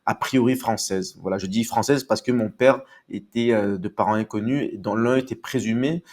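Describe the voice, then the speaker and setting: A man from Marseille, France, guests on a podcast, giving casual answers about his life in a hesitant, polite, explanatory way. His voice is fairly low and a little mellow, at a normal speed.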